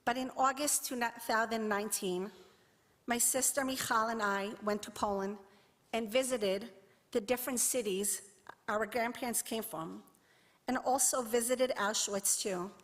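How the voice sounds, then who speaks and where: A woman with a slightly higher voice presents at a memorial program. She reads her prepared remarks in a measured, earnest way. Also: fairly even intonation, a bit bright.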